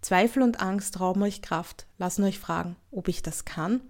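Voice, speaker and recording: A woman voicing a calm, earnest Jesus in a rhymed storybook reading, in a gentle, steady manner. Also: mid-range voice, normal speed, close to an everyday voice.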